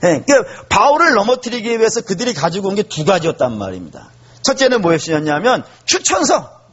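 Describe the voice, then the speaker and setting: A male pastor preaching a sermon, animated and asking the congregation questions. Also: sits high, fairly quick, slightly rough, highs cut off. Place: church.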